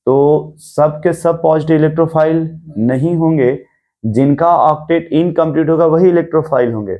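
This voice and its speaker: A man's voice: a little high, normal speed, muffled recording. A man teaching a chemistry class, lecturing and constantly asking the students questions. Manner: mixes English terms into Hindi explanation.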